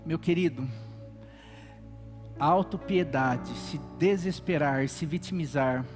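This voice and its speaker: High-voiced preacher man giving a sermon. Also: slow, music in the background. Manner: emphatic, acts out quoted voices. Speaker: pastor.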